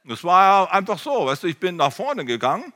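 A preacher voicing a quiet young woman recalling a jump. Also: on the low side, very animated, normal speed. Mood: recounting.

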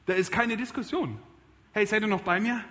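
A man preaching a sermon in church, emphatic and lively, moving between loud calls and quiet appeals. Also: high voice, moderate pace, big-room sound. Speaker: pastor. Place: church service.

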